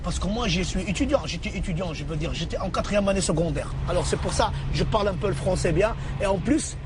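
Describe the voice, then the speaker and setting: A man's voice: sits high, fast talker, lightly acted. An actor playing a naive, friendly, talkative Moroccan migrant who speaks simple broken French with an Arabic-speaker's accent and repeats his words. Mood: chatty, eager. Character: chatty, naive, friendly Moroccan migrant man, a clandestine traveler. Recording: clear vehicle noise behind.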